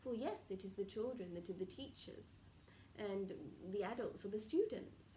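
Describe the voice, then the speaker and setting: A solemn, benevolent collective of spirit guides speaks through a woman acting as trance medium in a soft, mellow voice. The seance-style counsel comes in formal, halting phrases with murmured pauses. It is picked up from a distance in an echoey room, with faint noise. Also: mid-range voice, animated, lightly acted. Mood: gentle, instructive.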